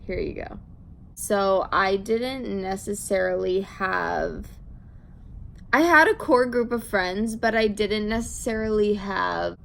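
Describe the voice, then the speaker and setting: A woman's voice: mid-range voice, slow pace, creaky, a bit bright, a little hiss or hum. A woman in her twenties telling a casual, chatty story, rambling and self-deprecating with a giggly manner. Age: 20s. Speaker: video creator telling a story. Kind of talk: casual chatty storytime while doing makeup.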